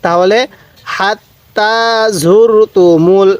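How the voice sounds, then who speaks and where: Slow, patient recitation teacher. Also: male voice, high voice, steady tone, no echo. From Bangladesh. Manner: slow drawn-out recitation between brisk explanations. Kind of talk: step-by-step recitation lesson.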